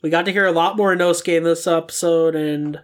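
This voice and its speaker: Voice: medium pitch, fairly even intonation, fairly quick. A young adult podcast host leading a casual discussion about animation with friends.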